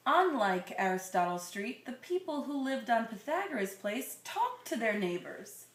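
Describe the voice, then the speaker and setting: With a sing-song lilt, a slightly high female voice reads a children's picture book to a listener at a moderate pace. She stretches out phrases expressively and adds chatty asides and questions, all in a roomy, echoing space.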